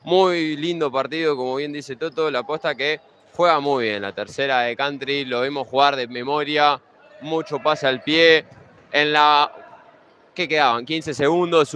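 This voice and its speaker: This young man has an Argentine Spanish accent and a bright, forceful voice on the high side. He chats through league standings and team lineups as pre-match futsal commentary, with slight background noise.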